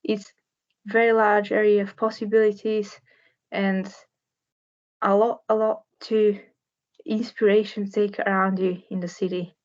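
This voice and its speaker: A woman's voice: medium pitch, flat delivery, measured pace, pauses often, dull audio. A young woman from Bulgaria, a structural engineer, giving an earnest career talk to students, plain and searching for words at times.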